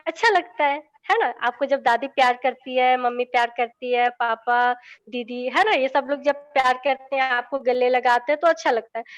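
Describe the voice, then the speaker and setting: Woman, high voice, young adult, children's teacher, coaxing, keeps checking in. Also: a bit bright. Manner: coaxing, asks "ठीक है?" after nearly every line. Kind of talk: lesson for children.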